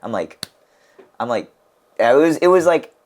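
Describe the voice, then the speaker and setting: This young American, a wrestler who co-hosts a laid-back podcast, has a mid-range, darkish voice with a sing-song lilt and an unhurried pace. He spins meandering stories, restarting often and leaning heavily on "like".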